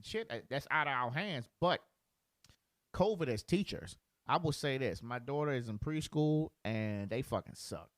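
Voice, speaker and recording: A man's voice: mid-range voice, expressive, moderate pace, dry recording. A man hosting a podcast in casual chat, blunt and profane, talking as a father of a preschooler. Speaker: podcast host.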